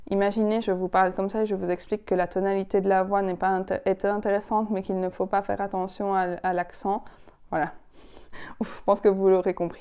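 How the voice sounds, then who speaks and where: Brief: young woman coach, Belgian Ardennes accent, mellow smooth voice, punchy emphatic delivery. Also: medium pitch. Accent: Belgian French, Ardennes. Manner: energetic, emphatic, repeats words when stressing a point. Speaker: public speaking coach. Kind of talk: direct-to-camera coaching video.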